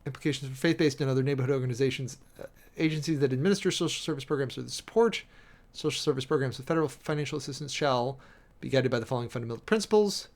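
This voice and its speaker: Here a streamer and preacher reads a document aloud in a medium-pitched male voice. He comments with sardonic wit, his delivery alternating between fast reading and halting, emphatic moments.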